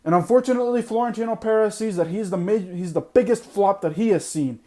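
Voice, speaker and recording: On his sports podcast, a man rants bluntly in an opinionated monologue, repeating points for emphasis even as he loses his voice. He speaks fast, with a high-sitting voice and a warm tone.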